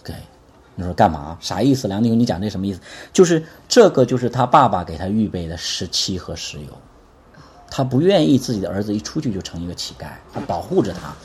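A husky-voiced man delivering a sermon at a quick clip. He preaches in a chatty, animated way, throwing questions at the congregation and waiting for their replies. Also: on the low side. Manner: lively, keeps asking the congregation for responses. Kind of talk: conversational sermon.

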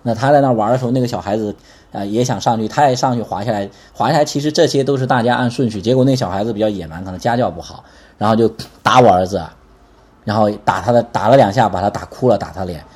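A man preaching a conversational sermon, lively and constantly asking the congregation to answer back. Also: on the low side, quick pace, husky.

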